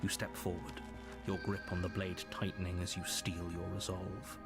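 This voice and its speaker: An actor playing a grave, commanding male narrator in a video game, speaking in a measured, solemn way. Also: sits low, flat delivery. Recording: music behind the voice.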